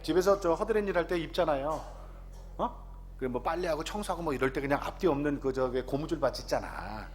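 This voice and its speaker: A man in his fifties, an announcer, giving a lively testimony to a congregation and often asking the audience questions. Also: fairly high pitch, fairly quick.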